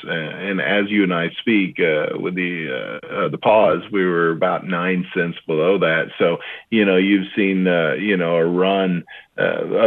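A man calls in over a tinny phone line, his very low voice squeezed thin by the connection. He talks through market commentary in a loose, rambling way, full of fillers and restarts. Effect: heard over the phone. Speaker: market analyst guest.

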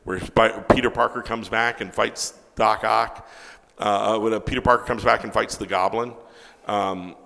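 A man, a comic book writer, telling casual anecdotes in an interview, animated, acting out quoted dialogue and swearing freely. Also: medium pitch, gravelly, in a large hall.

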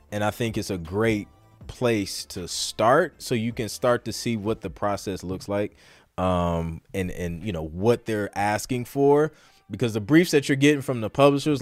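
A music producer hosts a live Q&A podcast, chatting in an informal, slangy, rambling way. His voice sits on the low side and the recording has no room sound.

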